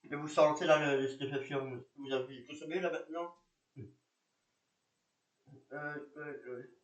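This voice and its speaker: A man's voice: on the high side, steady tone, unhurried. Hesitant man in an echoey room. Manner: hesitant, repetitive, many fillers. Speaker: narrator and police officer. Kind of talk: amateur reenactment of police patrol.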